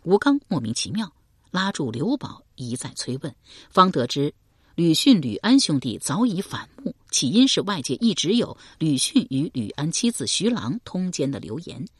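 Low, husky woman narrating a novel. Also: sing-song, moderate pace, dry recording, clean studio sound. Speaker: audiobook narrator. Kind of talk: historical mystery novel narration.

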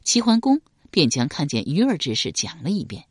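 A woman narrating a historical novel with expressive, dramatic storytelling. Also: low-pitched, moderate pace, husky, no room sound, clean studio sound. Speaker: audiobook narrator.

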